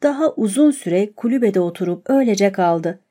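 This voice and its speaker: A woman narrates a novel in a calm, measured audiobook reading. Her voice is mellow and warm, at a middling pitch. The delivery stays steady throughout. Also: husky.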